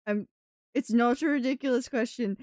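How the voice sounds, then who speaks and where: A New England woman livestreams in a put-on British accent, rambling to viewers in a chatty, giggly way. Her voice is fairly high with a darkish tone at normal speed, recorded at studio quality with no room sound.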